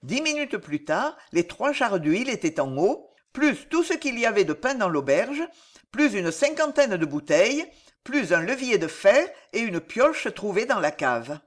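An audiobook narrator reads a historical adventure with dramatic, rhythmic phrasing. The pitch moves in a lively way through each sentence. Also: a little slow. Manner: expressive, rhythmic reading.

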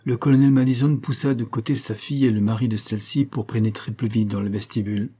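A man reading a classic novel aloud in a steady, measured narration. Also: medium pitch, breathy edge. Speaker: audiobook reader.

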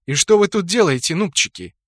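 A male audiobook narrator voicing a brash, bossy woman guild leader with a sharp, scolding manner. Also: low-pitched, big pitch swings, moderate pace, no room sound, studio quality. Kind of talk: audiobook character voice.

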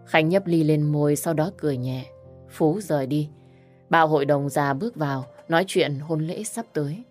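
A woman narrating an audio story in a calm, even way. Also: sits low, moderate pace. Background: faint music.

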